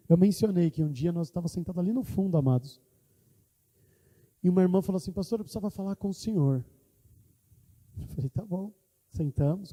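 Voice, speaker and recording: A man's voice: fairly high pitch, dark tone. A man preaching a sermon as pastor, with impassioned delivery, quoting prayers aloud. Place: church hall. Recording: church hall reverb.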